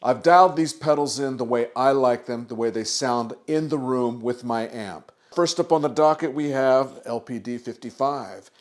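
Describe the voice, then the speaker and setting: A man's voice: medium pitch, normal speed, few pauses. A man demoing guitar pedals to camera, telling a casual story and acting out the voices of the people in it. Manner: animated storyteller acting out quotes. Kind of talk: casual storytelling and gear demo.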